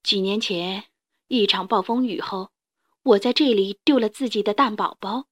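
A woman reading a storybook and voicing a big, hungry adult male tyrannosaurus who talks loud and gruff. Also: fairly high pitch, expressive, normal speed. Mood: sad.

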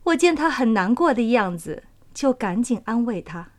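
Brief: high, lively female storyteller, teacher reading aloud to young kids with plenty of expression. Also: normal speed. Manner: expressive, sing-song, animated. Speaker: kindergarten teacher. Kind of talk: storytelling for children.

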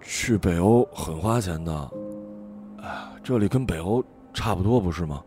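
A male narrator plays a tired partner who wants to keep the peace. He talks quietly and drowsily at a slow pace, in a low voice with a lively range. Faint music sits behind the storybook reading. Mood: drowsy. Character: adult partner, weary and placating.

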